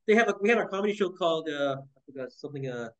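Male interviewer, quick and rambling, voice sitting a bit high. Casual chat. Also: lo-fi sound. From Canada. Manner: rambling, animated, laughs often.

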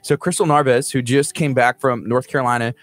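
Relaxed radio host reading questions. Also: male voice, medium pitch, fairly quick, no echo. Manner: relaxed, reads listener questions, laughs along. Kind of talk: casual radio interview.

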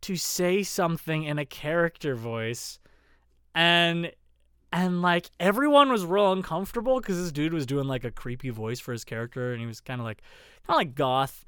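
A man's voice: on the high side, normal speed, pushed and bright, smooth, no echo, clean studio sound. A man telling a rambling, profane story in casual chat, full of fillers and self-deprecating asides.

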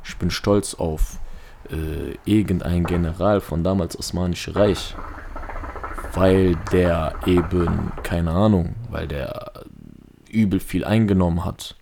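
A man's voice: deep voice, steady tone, takes it slowly, gravelly, warm tone, slight background noise. A young man chatting casually in a slangy, rambling way, arguing his point with everyday examples. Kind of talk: casual chat.

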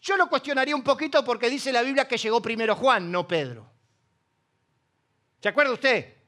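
A man's voice: very high voice, animated, moderate pace, bright, forceful tone. A middle-aged man with an Argentine Spanish accent, preaching a sermon with humor and acting out the voices in his stories. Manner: humorous storytelling, acts out voices. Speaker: pastor.

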